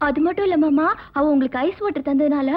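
A woman's voice: high-pitched, fast, close to an everyday voice. An actress playing a polite young daughter-in-law who coaxes her father-in-law hesitantly in a film comedy. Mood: coaxing. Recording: dull lo-fi film soundtrack.

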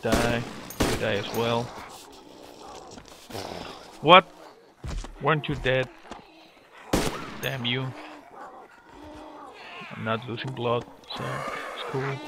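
A man with a gravelly, creaky voice mutters short lines to himself as he plays, speaking slowly and flatly. He swears at the enemies in clipped bursts. Loud gunfire keeps cracking behind his voice. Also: medium pitch, background noise. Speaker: gamer. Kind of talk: gameplay commentary.

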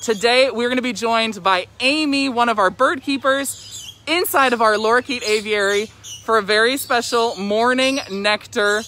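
A woman hosting a live zoo show in an excited, chatty way, her voice slightly muffled through a face mask. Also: a little high, normal speed. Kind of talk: upbeat live-stream presenting. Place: outdoor zoo by a lorikeet aviary. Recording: very noisy aviary, loud bird and animal calls. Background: loud bird calls and chirping.

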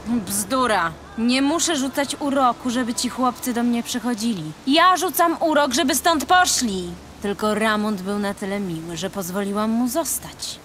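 A woman's voice: fairly high pitch, expressive, moderate pace, hardly any pauses, fairly bright tone, slight background noise. A woman voicing a proud, sardonic succubus in a video game, with a haughty, teasing way of talking. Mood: dismissive.

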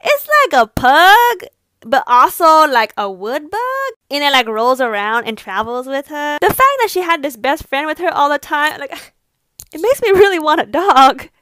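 A woman's voice: high voice, very animated, measured pace, pushed and bright, no echo. A woman chatting casually to the camera in a gushing way, full of fillers. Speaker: comedy content creator.

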